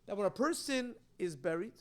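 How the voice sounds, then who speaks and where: Animated rabbi with a high voice. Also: male voice, brisk. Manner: animated, reads texts aloud with emphasis. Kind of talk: Torah class lecture.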